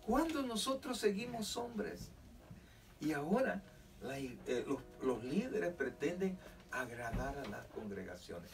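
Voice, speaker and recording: A man's voice: a little high, sing-song, unhurried. Fervent preaching man, distant mic. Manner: fervent preaching with rising emphatic peaks. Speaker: pastor. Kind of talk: sermon. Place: church. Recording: distant mic with faint noise.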